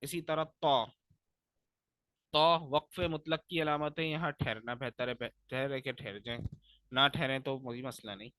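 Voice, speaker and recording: A young male Quran teacher from Pakistan who explains recitation rules patiently, step by step, and stretches the recited words slowly and loudly. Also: medium pitch, fairly even intonation, no room sound.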